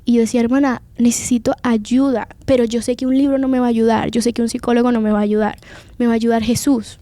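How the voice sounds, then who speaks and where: A young woman with a Venezuelan Spanish accent tells her story of faith in an earnest, confiding tone. Her voice sits a little high but sounds dark and mellow, and the recording is close and dry with no room sound. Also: flat delivery, fast, no room sound. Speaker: guest giving testimony. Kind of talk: personal faith testimony.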